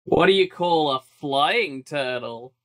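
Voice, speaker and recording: A man's voice: a little high, lively intonation, takes it slowly. A man co-hosting a casual chat show, telling pun jokes. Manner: punny joke-teller. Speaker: podcast co-host. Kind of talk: casual banter among friends.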